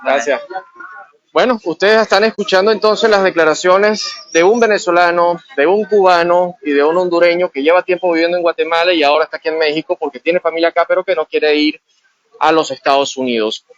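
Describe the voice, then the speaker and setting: A man's voice: fairly high pitch, a little fast, no echo. A man reporting live outdoors, interviewing migrants in a conversational, questioning way. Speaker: field reporter. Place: outdoors among a migrant caravan. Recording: muffled live field audio.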